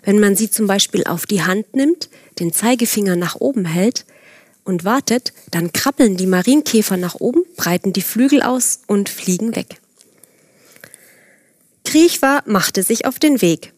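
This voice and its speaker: A woman narrating a gentle children's story, speaking calmly and directly to the children and now and then dropping to a soft whisper. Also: medium pitch, unhurried, no room sound, clean studio sound.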